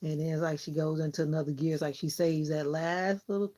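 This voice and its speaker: A Southern US vlogger talks easily with her live viewers as she trims her hair, laughing a lot. She speaks briskly in a low voice with a level, warm tone.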